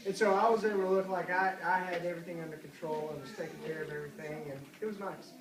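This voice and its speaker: A man on a parents' panel, telling a relaxed story about his own experience. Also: fairly high pitch, fast talker, a crowd in the background. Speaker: panelist father. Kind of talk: panel talk. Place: panel event before an audience. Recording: echoey room, far mic, audience.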